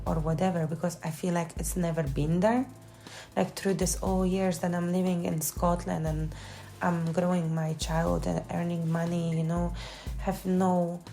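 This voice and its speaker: Woman podcast coach, lowish warm voice, halting unscripted talk full of fillers. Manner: halting, restarts words, many "you know" fillers. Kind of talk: unscripted personal podcast monologue.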